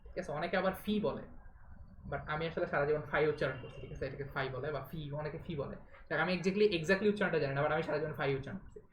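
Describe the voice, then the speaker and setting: A woman's voice: deep voice, fast talker, roomy sound, a little hiss or hum. A woman teaching math in a live online class, talking informally, mixing in English words and often checking that students follow. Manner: mixes English words into speech.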